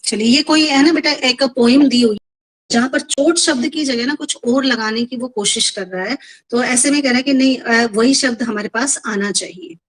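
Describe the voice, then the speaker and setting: A woman's voice: a little high, normal speed, poor audio. A woman school teacher giving an online Hindi lesson, explaining patiently with repeated examples and English words mixed in. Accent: Indian Hindi.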